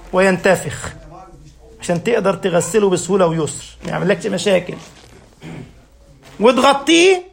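A man with an Egyptian Arabic accent giving a religious lecture. He asks his listeners rhetorical questions and answers them himself, explaining step by step with everyday examples. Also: sits high. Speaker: preacher.

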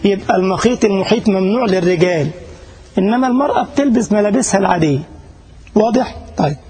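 A high-voiced sheikh with an Egyptian accent talks fast in a darkish, slightly rough tone while giving a relaxed religious lesson to a live audience in Germany. He chats, cracks jokes, addresses people directly and keeps checking they follow, though the audio is poor.

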